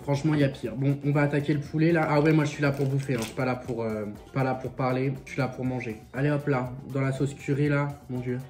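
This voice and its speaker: A man's voice: mid-range voice, steady tone, fast, few pauses, a little mellow, soft background music. A young man with a French accent chatting casually and sassily while eating, swearing freely and talking with his mouth full. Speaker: vlogger reacting to viewer stories.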